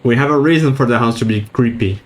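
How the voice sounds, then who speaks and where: A man's voice: mid-range voice, fast, rough recording. A man streaming a video game, chatting casually and reading in-game notes aloud, stumbling over words. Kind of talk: casual let's-play commentary.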